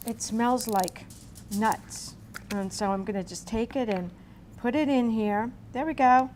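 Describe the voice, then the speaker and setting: A chatty woman with a fairly high voice hosts a casual cooking demo. She narrates each step and drops in folksy asides. A faint ambient noise sits behind her. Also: measured pace, a little mellow. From Cape Cod, also grew up partly in Berlin in a US military family. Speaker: cooking show host. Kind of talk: casual cooking demonstration chat. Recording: noticeable background room noise.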